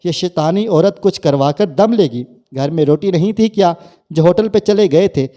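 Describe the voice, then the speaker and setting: A man's voice: high-pitched, close to an everyday voice. A man voicing an angry, domineering father-in-law. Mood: enraged. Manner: shouting insults.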